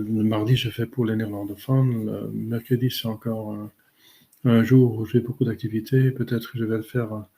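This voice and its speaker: A man, a priest giving a catechism talk and answering questions in a halting way with many fillers. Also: fairly low pitch, vocal fry, warm tone.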